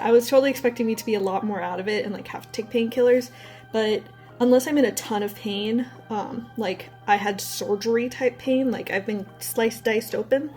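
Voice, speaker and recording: A woman's voice: medium pitch, warm tone. A young adult woman vlogging in a casual, candid, rambling way, telling personal stories and swearing now and then. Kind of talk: casual personal storytelling to camera.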